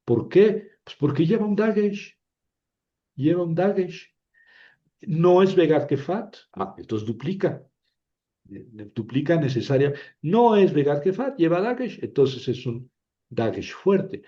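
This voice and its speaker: Male teacher, patient step-by-step lesson, dark mellow tone, muffled lo-fi sound. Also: fairly high pitch, expressive, measured pace. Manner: patient, repeats syllables aloud, asks "¿verdad?". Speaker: Biblical Hebrew teacher. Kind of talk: slow classroom explanation.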